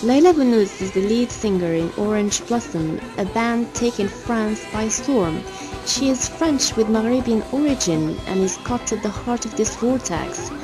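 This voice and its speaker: Female documentary narrator, measured scripted read, music bed behind. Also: fairly high pitch, expressive. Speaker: documentary presenter.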